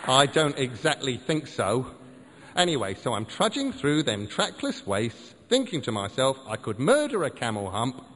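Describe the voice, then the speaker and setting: A man's voice: mid-range voice, very animated, normal speed, fairly bright tone, big-room sound, slight background noise. A man voicing a ranting middle-aged male cult acolyte in a pub, with an indignant, matter-of-fact manner. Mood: blustering.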